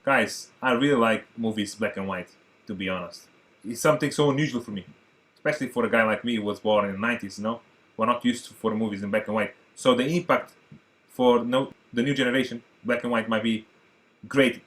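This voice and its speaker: A man from Portugal in his thirties, a native Portuguese speaker, chatting excitedly to viewers as he reacts to an old film. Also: mid-range voice, a little fast. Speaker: movie reaction host. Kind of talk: casual reaction commentary.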